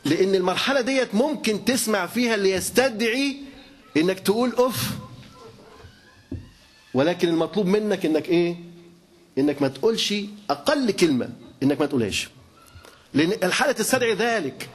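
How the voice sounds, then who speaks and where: A man's voice: high-pitched, animated, a little fast, long pauses, husky. A man with an Egyptian accent preaching a sermon, emphatic and repetitive, asking his listeners rhetorical questions. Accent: Egyptian Arabic.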